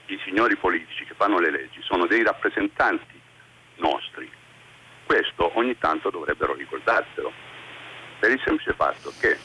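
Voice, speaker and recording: A man's voice: fairly low pitch, sharp tone, husky. An older retired man calling in to a radio talk show over the phone, talking indignantly and arguing about politicians. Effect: voice over a phone line into a radio show.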